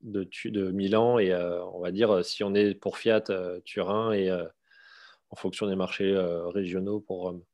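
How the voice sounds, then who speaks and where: A man's voice: sits low, little pitch movement, normal speed, a little mellow. A man interviewing a guest informally, asking probing questions with fillers and restarts. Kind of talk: casual conversational interview.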